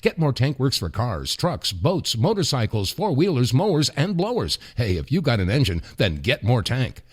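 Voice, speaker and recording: A man hosting a talk radio show, reading a sponsor's ad in a smooth radio-host delivery. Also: mid-range voice, huge pitch swings, normal speed. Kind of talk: live host-read radio ad.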